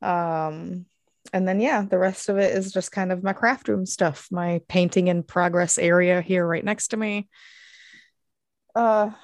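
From her craft room at home, a woman co-hosts a podcast, chatting casually and rambling with lots of fillers. Her voice sits on the low side, steady and measured, with no echo.

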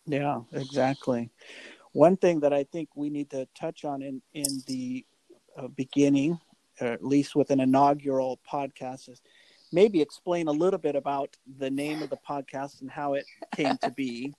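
A man's voice: mid-range voice, steady tone, normal speed, dark tone, slight background noise, low-quality recording. A man in his forties co-hosting a podcast, talking reflectively with many fillers and restarts. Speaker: podcast co-host. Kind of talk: casual podcast chat.

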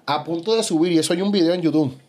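Animated Puerto Rican man, fairly high voice. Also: racing. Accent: Puerto Rican Spanish. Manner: animated storytelling, frequent "¿sabes?". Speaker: bodybuilder guest. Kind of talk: casual podcast conversation.

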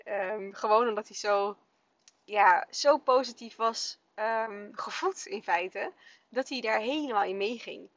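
A woman's voice: mid-range voice, no echo. A woman in her thirties hosting a parenting podcast, telling a story in a chatty way with many fillers. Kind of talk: casual spoken podcast monologue. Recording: dull, dry lo-fi sound.

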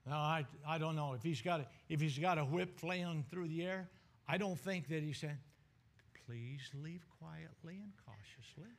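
A male pastor preaching a sermon with dramatic swings between loud bursts and hushed asides. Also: a little high, fairly even intonation, fairly quick, slight background noise.

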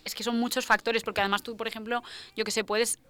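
A woman with a Spanish accent co-hosting a casual radio chat show, chatty and animated as she tells stories. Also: fairly high pitch, quick pace. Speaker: radio co-host. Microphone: studio microphone.

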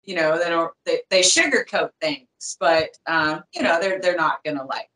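A woman's voice: fairly low pitch, normal speed, bright, forceful tone, poor audio. A woman in her thirties with a light Southern US accent, a former boxer chatting as a guest, rambling with lots of fillers and restarts. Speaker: guest, former boxing champion. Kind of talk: casual interview chat.

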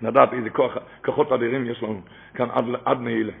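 A man's voice: level tone, vocal fry, a little hiss or hum. Fiery man preaching over a tinny line. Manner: swings between loud cries and low murmurs. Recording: tinny phone-like recording.

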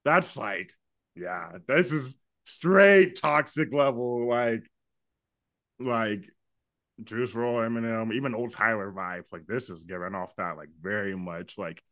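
A man's voice: lowish voice, takes it slowly, no echo, clean studio sound. A man co-hosting a casual album-review chat, laughing often and dropping his voice to quote lyrics. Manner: laughs often, filler-heavy, drops quieter to quote lyrics. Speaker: podcast co-host.

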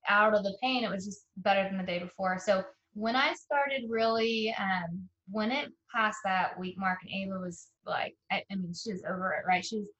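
A young woman, an interview guest, tells a personal story in a casual, earnest way, halting often with fillers and restarts. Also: medium pitch, steady tone, a bit bright, muffled recording. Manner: emotional and earnest.

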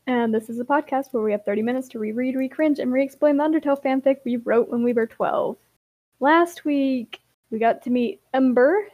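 High-voiced woman podcast co-host. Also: no room sound, narrow, tinny audio. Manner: giggly, reads with quick asides. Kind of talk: casual chat and reading fanfic aloud.

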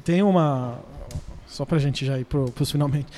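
A man's voice: medium pitch, normal speed, dark tone, slight background noise. A young man co-hosting a podcast, telling a story in a casual, slangy way with laughs. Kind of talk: casual chat. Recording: long hall reverb.

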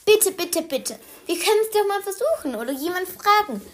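A woman voicing an excited three-year-old boy who begs with repeated words in a children's storybook. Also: high-pitched, slow pace, pitched above the performer's own voice, full character voice. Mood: pleading. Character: excited little boy, three years old, eager and pleading.

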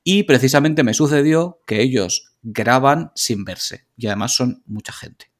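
A man with a Spain Spanish accent co-hosting a podcast in casual chat, telling rambling, animated stories with plenty of swearing over a video call. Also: mid-range voice, measured pace. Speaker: podcast co-host.

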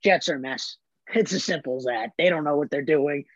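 A man's voice: a little high, a little fast, no echo, dull audio. A man co-hosting a sports talk show, emphatic and opinionated, making bold predictions. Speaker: co-host.

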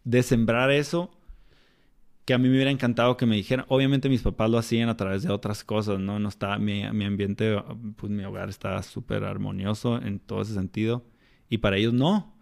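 A man with a Mexican accent talks casually and reflectively, dropping plenty of slang. His voice is gravelly and rough at the edges, and he speaks as a mentor of children. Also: lowish voice, little pitch movement, fairly quick, a little mellow. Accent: Mexican Spanish. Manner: colloquial, full of slang, reflective. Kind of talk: casual interview conversation.

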